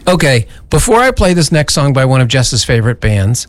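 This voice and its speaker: Animated radio host in casual chat. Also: medium pitch. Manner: halting, playful prompting.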